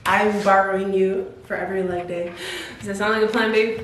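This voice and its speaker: A woman's voice: medium pitch, fairly even intonation, a little fast, far from the mic. A woman talking casually and informally to the camera and her partner as a home workout vlogger, giggly and free with swearing. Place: indoors at home, echoey room. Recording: very echoey room, off-mic, faint hiss.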